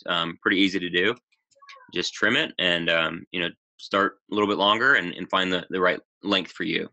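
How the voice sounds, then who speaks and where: A man's voice: deep voice, steady tone, moderate pace, bright, forceful tone. A man in his thirties casually presenting a fishing webinar over slides, full of "you know" and "um" fillers, recorded on a webcam mic in a small room. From Pacific Northwest, United States.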